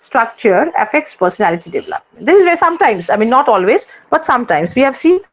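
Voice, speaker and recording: A woman's voice: a little high, very animated, fast, poor audio. A woman lecturer with an Indian English accent teaching a class, repeating her points and often asking students whether they follow.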